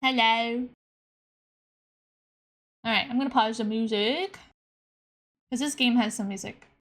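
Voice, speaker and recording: A woman streamer chatting casually in a playful, cutesy anime-streamer manner, expressive and exclamatory. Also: fairly high pitch, unhurried. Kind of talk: casual livestream chat while gaming.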